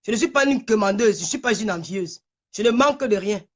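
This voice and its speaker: A woman's voice: medium pitch, animated, a little fast. A woman on a live stream, trembling with anger, who hurls insults, repeats herself and stammers when worked up. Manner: furious, insulting, repetitive. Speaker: livestreamer. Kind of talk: angry livestream rant. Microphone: phone on a live stream.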